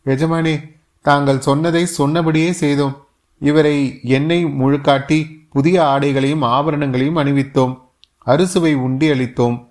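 A man's voice: fairly high pitch, fairly even intonation, moderate pace, darkish tone, lightly acted. A man voicing a nervous, servile male palace guard who pleads with his master in an audiobook. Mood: pleading.

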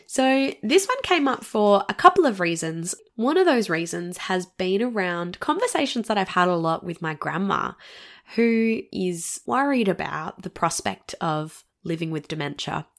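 A woman in her thirties with an Australian accent hosts a solo podcast in a relaxed, chatty way. Her voice sounds nasal from a cold, at a medium pitch. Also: unhurried. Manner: chatty and warm, laughs between phrases. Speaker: podcast host. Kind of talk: casual solo podcast monologue.

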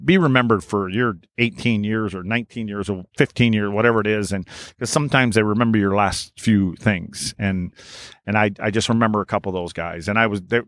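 A man's voice: on the low side, dry recording. A man, a podcast guest telling blunt, profane stories and acting out both sides of old conversations. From Wisconsin. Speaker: podcast guest, former hockey player. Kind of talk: casual storytelling.

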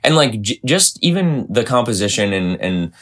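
Low-voiced guy hosting a podcast, laughs a lot, kinda rambly. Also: sing-song, normal speed, fairly bright tone. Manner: laughs often, loose and rambling. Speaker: podcast host. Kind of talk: casual chat.

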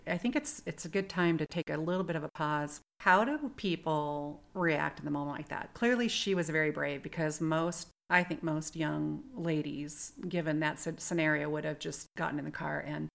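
A middle-aged woman with a low voice and gravelly fry tells a story in relaxed podcast chat. She reflects as she goes, restarting sentences while she works out her thoughts. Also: normal speed, hardly any pauses. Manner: reflective, thinks aloud with restarts. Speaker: podcast co-host.

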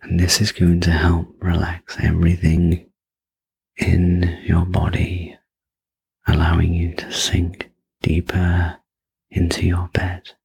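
A breathy, gently soothing ASMR role-play in the manner of a sleep story narrator, guiding the listener through relaxation. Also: deep voice, monotone, slow pace. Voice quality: breathy, husky soft voice.

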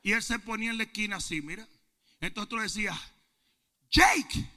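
A man pastor preaching a sermon, telling funny stories and rising into shouted, emphatic preaching. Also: sits high, quick pace. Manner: humorous storytelling building to shouted preaching. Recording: long hall reverb.

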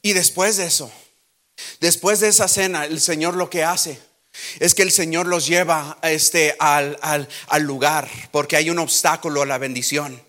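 A man's voice: fairly high pitch, fairly even intonation, moderate pace, pushed and bright. A man preaching a sermon, switching between Spanish and English and acting out Bible scenes in a raised voice. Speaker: pastor. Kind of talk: bilingual sermon.

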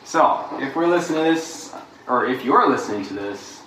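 A man's voice: medium pitch, expressive, moderate pace, fairly bright tone. A man hosting a gym podcast in easygoing casual chat, recorded in an empty gym. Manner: easygoing, laughs readily. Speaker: gym coach and podcast host. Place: empty gym on a rainy day. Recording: roomy, distant mic with faint hiss.

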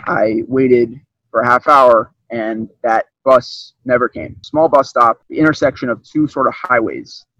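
A young man casually retelling a personal story, rambling and animated, often restarting his sentences. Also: medium pitch, a little slow, no room sound, highs cut off.

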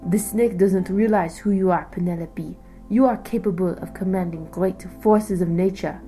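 A woman voicing a bold male fox guide who speaks loudly and firmly. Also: on the low side, fairly even intonation, normal speed, faint music behind, natural voice. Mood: commanding. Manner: loud, firm, declaring.

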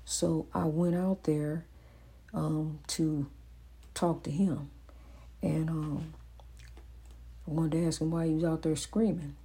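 At home indoors, a woman hosts her own motivational program, delivering a rambling, faith-filled monologue full of fillers, restarts and phrases repeated for emphasis. Her voice is low, husky and dark, with little pitch movement, a slow pace and long pauses.

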